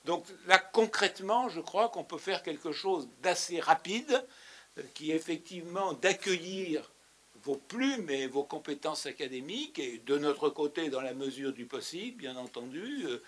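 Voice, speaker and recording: A man's voice: fairly high pitch, lively intonation, moderate pace. Hesitant French man hosting a conference. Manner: hesitant, many fillers and restarts. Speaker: conference host. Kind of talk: spontaneous conference remarks. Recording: lecture hall.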